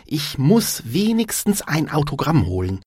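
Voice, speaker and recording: A man doing a high breathless excitable young woman. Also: measured pace, breathy edge, dry recording, heavily acted. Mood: urgent. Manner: high-pitched, breathless, exclaiming.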